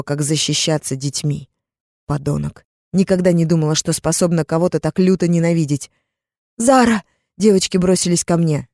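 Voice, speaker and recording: A woman's voice: lowish voice, warm tone, no room sound, clean studio sound. A woman reading a first-person audiobook in a tense, dramatic storytelling manner. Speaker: audiobook narrator. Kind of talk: first-person scripted narration.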